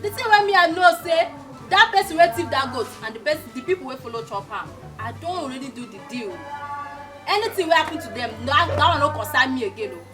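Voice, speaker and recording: An actress playing an angry, wronged compound wife in a Nigerian comedy film, scolding loudly in Nigerian Pidgin and repeating herself for emphasis. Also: female voice, sits high, lively intonation, fast. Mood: indignant, menacing. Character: angry, wronged compound wife whose goat was stolen. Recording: music and crowd behind the voice.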